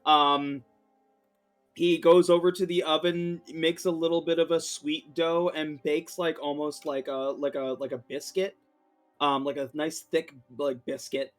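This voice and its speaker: A man's voice: a little high, flat delivery, a little slow, faint music behind. Rambling male tabletop player. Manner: rambling, full of fillers. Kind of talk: tabletop role-play narration.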